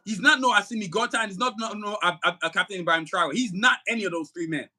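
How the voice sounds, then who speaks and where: Speaking fast in a high voice, a male podcast co-host tears into politics with an angry, profanity-laced rant. He stresses his words hard and breaks into shouts now and then.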